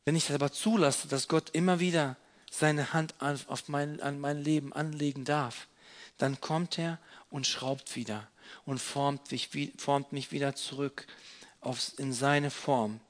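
A man's voice: fairly high pitch, fairly even intonation, measured pace. A man preaching a sermon as an object lesson, explaining while he handles props and repeating his key phrases earnestly.

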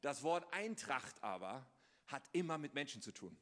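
A married man preaching as a guest pastor. He moves between loud, emphatic reading and a hushed, quiet prayer voice. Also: mid-range voice, sing-song, normal speed, in a large hall. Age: adult, married. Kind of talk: sermon with prayer. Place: church.

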